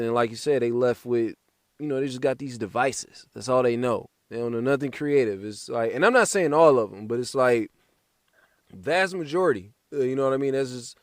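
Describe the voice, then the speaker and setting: A man hosts a casual podcast conversation in a loose, slangy style and is quick to laugh. His voice sits at an ordinary pitch and is recorded close and dry, with no room around it. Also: no room sound. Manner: relaxed slangy banter, laughs easily. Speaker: podcast host. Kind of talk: casual chat.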